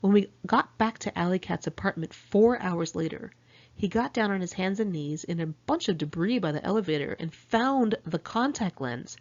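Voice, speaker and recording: Here the author, a middle-aged woman from California, narrates her memoir as a first-person audiobook, frank and wry with sardonic remarks. She speaks in a mid-range voice, animated and at a moderate pace, with the highs trimmed away.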